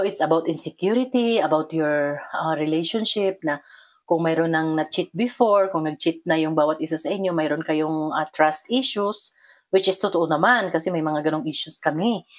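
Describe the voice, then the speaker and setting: A woman with a Filipino accent, telling a dream story in a casual vlog. Her talk is full of fillers and slips into English phrases, and she raises her voice sharply when quoting herself. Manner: animated retelling, acts out her own quoted lines in a higher voice; many fillers and code-switching into English phrases. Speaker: vlogger.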